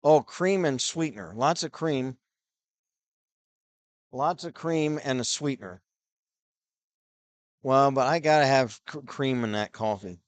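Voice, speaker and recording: A man's voice: medium pitch, measured pace, long pauses, dry recording. A middle-aged man filling time on a hockey broadcast, rambling with many fillers as he reads out viewer messages. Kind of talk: casual play-by-play filler chat.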